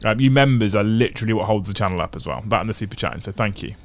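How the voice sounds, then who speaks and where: Speaking very fast in a lowish voice, a man hosts a casual livestream where he chats and reads out comments from viewers. His chatty, thinking-aloud style runs long, with restarts and phrases repeated.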